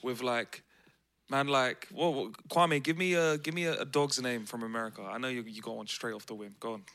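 A man with a London accent co-hosting a podcast, joking and chiming in with quick agreement. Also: medium pitch, pushed and bright, no room sound. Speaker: podcast co-host. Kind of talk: casual chat among friends.

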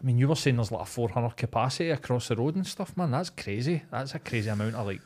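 A man talking off the cuff among others. His speech is informal and colloquial with some swearing, at a medium male pitch. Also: animated, fast talker, a little mellow. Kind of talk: casual chat.

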